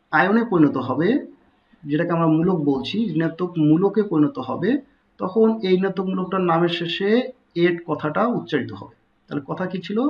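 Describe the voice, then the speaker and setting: A man's voice: fairly high pitch, muffled recording. A man teaching a recorded chemistry tutorial, explaining step by step and repeating key terms. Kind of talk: recorded online tutorial lecture.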